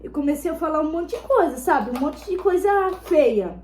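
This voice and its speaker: A woman's voice: high-pitched, expressive, moderate pace, a little mellow. A girl telling a story in a casual vlog while doing her makeup, rambling and repeating herself and calling out to her viewers again and again. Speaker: vlogger. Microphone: phone.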